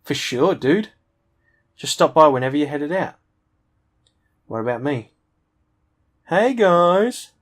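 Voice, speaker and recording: A man's voice: mid-range voice, expressive, unhurried, pauses often. Man reading a visual novel aloud. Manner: reads dialogue in a plain voice, breaks off for jokey asides. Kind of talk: reading game text aloud with asides.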